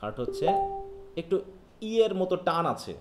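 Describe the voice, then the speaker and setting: A man's voice: on the high side, very animated, normal speed, over loud music. Male teacher, live online lesson, patient and explanatory, roomy echo on the voice. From Bangladesh. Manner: explains patiently, often checks if students follow. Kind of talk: live online phonetics class. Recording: echoey room.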